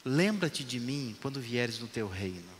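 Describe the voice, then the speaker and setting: A preacher voicing a humble, repentant male thief, speaking calmly and softly. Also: mid-range voice, measured pace. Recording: echoey hall, faint noise.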